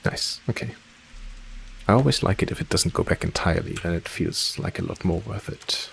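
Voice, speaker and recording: A man hosting a let's play, thinking aloud in casual gameplay commentary, his voice slightly hoarse and cracking. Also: low voice, moderate pace, a bit bright, slight background noise. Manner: thinking aloud, hesitant, muttering directions.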